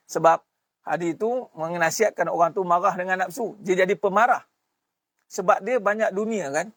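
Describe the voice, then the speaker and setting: A middle-aged man with a Malaysian Malay accent giving a casual religious talk, shifting between soft asides and sudden raised bursts. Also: high-pitched, no room sound, clean studio sound. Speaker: religious teacher.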